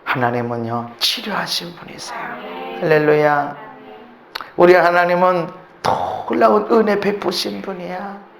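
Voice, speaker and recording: A male pastor preaching a sermon emphatically, swinging between shouts and hushed asides, in a church. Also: high voice, measured pace, gravelly, reverberant. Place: church sanctuary.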